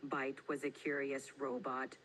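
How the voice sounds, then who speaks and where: A synthetic female assistant voice putting on a flat, mechanical robot voice to tell a bedtime story. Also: very deep voice, a little slow, a little hiss or hum, pitched below the performer's own voice, poor audio. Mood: dramatic robotic.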